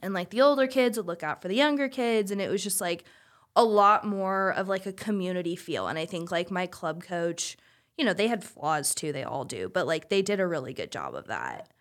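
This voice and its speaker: A woman's voice: lowish voice, big pitch swings, a little fast. A young woman in her twenties, a former college swimmer, chatting candidly as a podcast guest and filling her talk with "like". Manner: heavy use of "like", chatty and candid. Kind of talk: casual chat.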